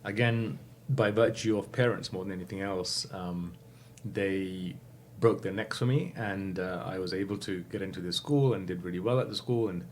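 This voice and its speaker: Low-voiced guy in his 50s, thoughtful, lots of ums, faint hiss behind. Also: normal speed, few pauses. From England. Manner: thoughtful, many fillers, self-correcting. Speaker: guest. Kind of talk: reflective interview answers.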